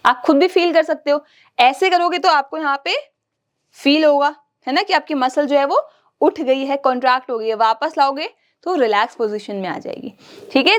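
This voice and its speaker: A woman teaching a science lesson to young children. She asks the class questions and answers them herself, checks in with them often, and clears her throat now and then. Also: high-pitched. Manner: frequent check-ins to the class.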